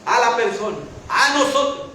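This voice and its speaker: High, bright-voiced preacher in echoey church. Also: male voice, moderate pace, recorded from a distance. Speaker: pastor. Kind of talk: sermon. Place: church hall. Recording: echoey church hall from afar, faint hiss.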